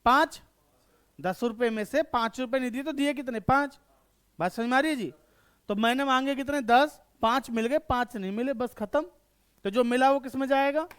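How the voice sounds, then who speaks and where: A man's voice: very high-pitched, fairly bright tone, clear, resonant tone. A man teaching an online accountancy class. He keeps asking his students questions, answers them himself, and keeps checking that they have understood.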